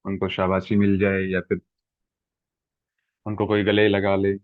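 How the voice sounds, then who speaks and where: Male lecturer, lowish voice, patient explainer with examples, dry tinny phone-quality sound. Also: completely flat delivery, a little slow, no echo. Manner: explains with everyday examples, frequent "ठीक है" checks. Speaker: exam-prep teacher. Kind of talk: classroom lecture.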